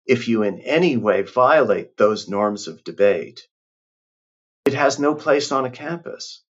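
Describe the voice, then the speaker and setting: A professor appearing as a guest gives reflective, emphatic interview answers, often restarting his sentences. His voice is medium-pitched and expressive, and he speaks unhurriedly. The recording has a dull, lo-fi quality.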